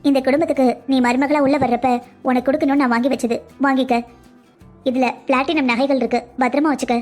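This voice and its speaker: A proud, scolding middle-aged mother-in-law from a family cartoon, voiced by a woman. She talks high and fast, with sharp, sarcastic bite. Faint music plays under her. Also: steady tone, natural voice. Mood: coaxing. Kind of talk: cartoon dubbing.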